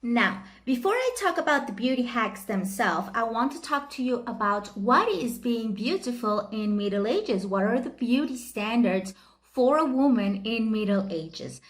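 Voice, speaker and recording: Woman hosting a history vid, kinda high voice, chatty, lots of little asides. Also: fairly bright tone. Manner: chatty, with frequent asides and light laughs. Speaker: history video host. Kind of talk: casual educational explainer.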